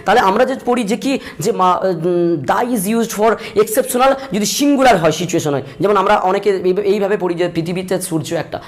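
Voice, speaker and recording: A man teaching a grammar lesson, repeating points and slowing down to spell out examples. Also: sits high. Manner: repetitive, drills points, slows to spell out examples. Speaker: English teacher.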